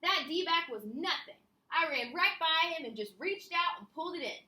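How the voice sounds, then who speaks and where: A woman reading the lines of a boastful young male wide receiver with excited bragging. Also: extremely high pitch, moderate pace, distant mic, pitched above the performer's own voice, exaggerated voice. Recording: echoey room.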